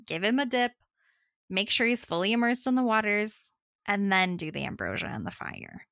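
A woman's voice: mid-range voice, very animated, normal speed, creaky, a bit bright, no room sound. A woman voicing a dismissive old male sea god, lecturing, dry storytelling sound. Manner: dismissive, matter-of-fact.

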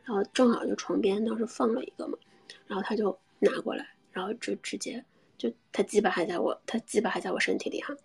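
A young woman telling a personal story in a soft, often half-whispered voice, hesitant and full of restarts. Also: medium pitch, quick pace, vocal fry, husky.

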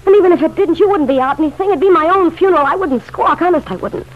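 In a vintage radio drama, an actress plays a bitter, lovelorn city woman who pleads bluntly and insistently in slangy speech, her voice very high and quick. She sounds eagerly pleading, and the old radio recording is dull and noisy.

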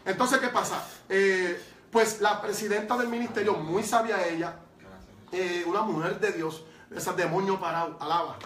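A man telling his testimony as a preacher, lively and emphatic, with frequent fillers. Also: high voice, normal speed. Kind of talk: storytelling testimony. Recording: roomy sound from far off.

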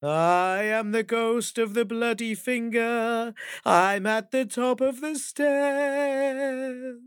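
Give me a slow, wailing ghost, voiced by a man, high and eerie. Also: clear, resonant tone, no room sound, clean studio sound, full character voice. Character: creepy ghost of a bloody finger, wailing.

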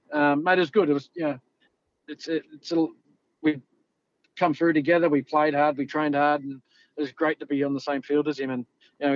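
A middle-aged Australian man, a former rugby league player, telling stories in a rambling, laid-back way. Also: medium pitch. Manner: rambling, laid-back, lots of "you know". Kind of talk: casual interview storytelling. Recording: slightly dull lo-fi audio.

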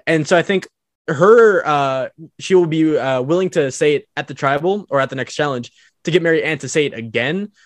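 A man's voice: fairly high pitch, a little fast, dry recording. A man co-hosting a casual podcast, telling stories and acting out quotes, with frequent "uh"s. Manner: storytelling, acts out quotes, with filler "uh"s. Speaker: podcast co-host.

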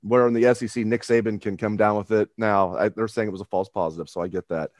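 A man's voice: lowish voice, fairly even intonation, quick pace, darkish tone, no room sound. A man hosting a sports podcast, joking and playfully exaggerating his complaints in a friendly way. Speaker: podcast host. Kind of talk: casual sports podcast chat.

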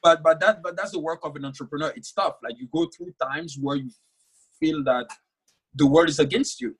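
Heard through a rough recording, this young man speaks slightly fast in a somewhat high voice with a breathy edge. A native French speaker, he is an author giving an earnest conversational interview, often repeating words as he thinks.

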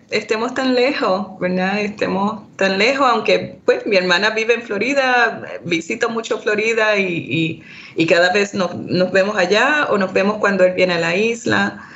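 Panelist, mid pitch, hesitant, many fillers, dull lo-fi sound. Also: a bit bright. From Puerto Rico and United States. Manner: hesitant, frequent "¿verdad?" and fillers. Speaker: scholar on a panel. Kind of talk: academic panel discussion.

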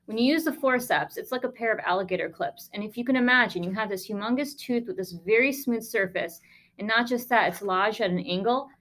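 A woman's voice: on the high side, fairly quick, a bit bright. Woman telling a wry medical story. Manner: wry, sarcastic asides, emphatic. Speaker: podcast host, pulmonologist.

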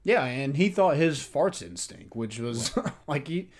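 A man's voice: medium pitch, animated, unhurried. A man in casual sports chat, rambling with lots of fillers and strong opinions.

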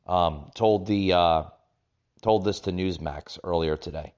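A man with a deep voice delivers political commentary as a podcast host. He talks in a halting way and repeats phrases to drive points home. The sound is echoey and somewhat dull, like a makeshift setup in a rental room. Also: a little mellow, clean tone. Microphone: makeshift setup without usual equipment.

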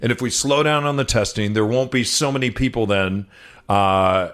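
A man's voice: mid-range voice, normal speed, fairly bright tone. A man from the American Midwest co-hosting a radio talk show, explaining things in a conversational way. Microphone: studio microphone.

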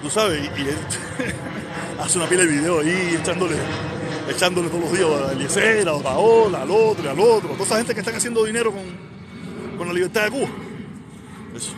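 Man, Cuban accent, middle-aged, boastful rambling live-stream talk, fairly high voice, loud outdoor plane noise. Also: a little fast, long pauses. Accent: Cuban Spanish. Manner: boastful, rambling, talks back to comments. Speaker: livestream host reading viewer comments. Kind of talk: casual live-stream monologue. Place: outdoors near an airport, planes passing. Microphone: phone with headphones on.

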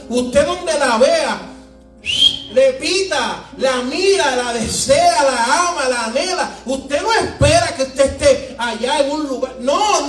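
A male pastor, preaching an animated, emphatic sermon full of stories. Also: extremely high pitch. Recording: echoey room, mic at a distance, music behind.

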